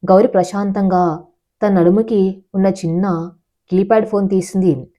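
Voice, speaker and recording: A woman narrates a storybook tale with a mellow, warm tone. She reads every character in the same even voice. The recording is dull and lo-fi. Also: mid-range voice, normal speed. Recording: dull lo-fi audio.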